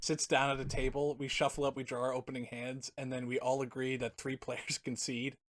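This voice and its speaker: A man's voice: medium pitch, little pitch movement, fairly quick. A man co-hosting a casual podcast, rambling through his points, often searching for words and laughing. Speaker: podcast co-host. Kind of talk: casual chat about card games.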